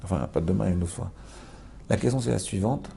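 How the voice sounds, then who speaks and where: A man's voice: sits low, a little fast, vocal fry, mellow, slight background noise. A man teaching a spoken Torah lesson, telling the story with many rhetorical questions to his listeners and restarting phrases as he explains.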